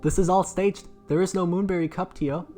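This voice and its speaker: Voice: mid-range voice, fairly even intonation, fairly quick, mellow, faint music behind. A speedrun commentator hosting a live race, reading chat and teasing the co-host. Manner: playful, teasing.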